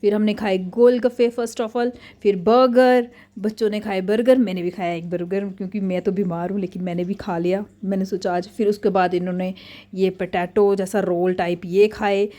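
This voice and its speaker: Chatty mellow-voiced mom vlogger. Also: female voice, medium pitch, normal speed. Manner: chatty, excitable storytelling. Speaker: family vlogger and mother. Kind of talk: casual chatty vlog narration.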